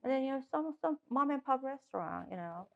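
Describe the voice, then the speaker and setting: This political candidate, a middle-aged woman whose first language is Korean, answers interview questions with a Korean accent, frequent fillers and many restarts. Her high voice is expressive, brisk and creaky, heard through a muffled recording.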